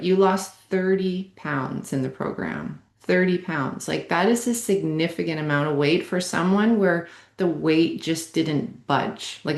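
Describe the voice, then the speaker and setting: A woman's voice: lowish voice, echoey room. A woman coach interviewing a client, speaking in an encouraging, affirming way. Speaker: wellness coach and program host. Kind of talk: casual interview.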